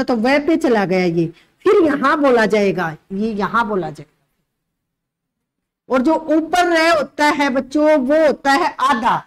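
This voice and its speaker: A woman teaching a grammar lesson for exam prep, with a slight tinge, explaining slowly and repeating key words for her students. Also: sits high, low-quality recording.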